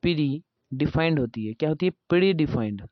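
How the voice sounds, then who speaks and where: Chatty math teacher, dull dry sound. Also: male voice, on the high side, animated, normal speed, no echo. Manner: chatty, asks and answers his own questions. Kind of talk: casual classroom lesson.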